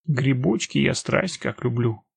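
A man's voice: mid-range voice, expressive, unhurried, gravelly, slightly rough, no echo, heavily acted. A man doing a cocky, teasing village lad.

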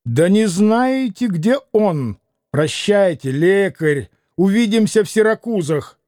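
A defiant teenage boy who snaps off sharp, cutting remarks, read by a man. The voice sits high but stays mellow, and the recording is close and dry. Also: very animated, takes it slowly, dry recording, exaggerated voice.

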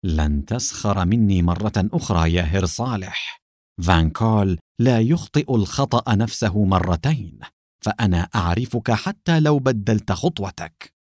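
A man's voice: lowish voice, very animated, normal speed, warm tone, no echo, studio quality. Man voicing a sly, gloating guard. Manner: sly, mocking.

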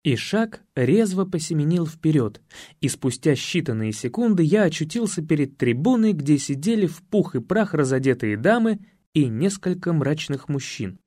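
A man reading a comic story aloud, his voice rising and falling with expression. The recording is close and dry, with a slightly higher than usual pitch. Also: big pitch swings, normal speed, dark tone, no echo. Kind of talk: audiobook narration.

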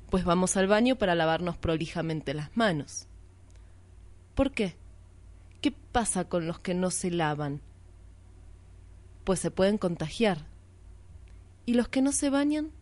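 A woman hosting a radio art show, reading a literary text slowly and reflectively, asking and answering her own questions. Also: on the low side, darkish tone, no echo.

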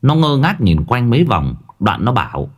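A man's voice: mid-range voice, sing-song, moderate pace, dull audio. A man narrating a horror story with dramatic storytelling.

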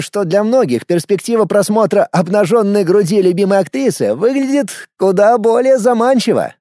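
A man's voice: high-pitched, mellow, no room sound, studio quality, voice pushed up. A man voicing a cocky, sardonic young male musician who drawls and mocks. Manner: drawling, mocking.

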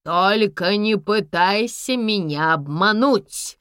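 A woman's voice: on the low side, animated, unhurried, dry recording, studio quality, voice pushed down. A woman voicing a ruthless older man who threatens and barks orders in a mocking tone. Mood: menacing. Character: ruthless older man, menacing villain with a revolver.

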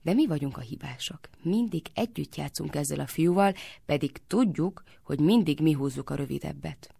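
Woman voicing a sharp-tongued bossy young girl. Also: low voice, animated, creaky, breathy edge, no room sound, full character voice. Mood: rueful. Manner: scolding, brisk.

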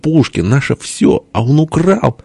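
A man's voice: medium pitch, quick pace, dark tone, husky, no room sound, voice pushed up. A man voicing an eager, sulky young son-in-law with a raised voice. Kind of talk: audiobook character voice.

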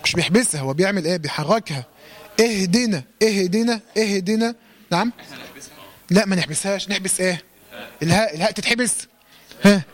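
High-voiced Egyptian tajweed teacher. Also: male voice. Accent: Egyptian Arabic. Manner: quizzes the class with questions, demonstrates recitation slowly. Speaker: Quran recitation teacher. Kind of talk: lesson to a class.

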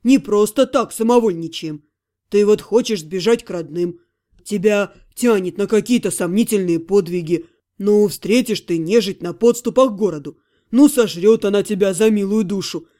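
A woman voicing a good-natured male half-gnome friend who scolds gently and coaxingly, in an audiobook. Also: mid-range voice, normal speed, voice pushed down, natural voice. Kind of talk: audiobook character voice.

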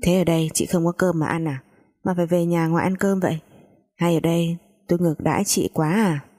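A woman's voice: fairly low pitch, fairly even intonation, a little fast, mellow, close to an everyday voice. A woman voicing a domineering, self-pitying mother-in-law who scolds sharply. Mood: reproachful.

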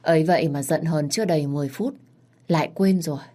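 Low-voiced woman narrating a story. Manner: measured, expressive storytelling. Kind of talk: first-person audio story narration.

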